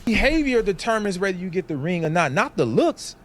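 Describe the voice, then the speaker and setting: A man's voice: high-pitched, sing-song, a little fast, fairly bright tone. A man on a podcast lecturing in an assertive, opinionated way about what men want.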